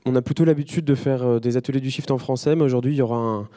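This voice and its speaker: A man with a French accent moderating a conference panel, speaking unhurriedly and pausing often between phrases. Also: mid-range voice, steady tone, warm tone.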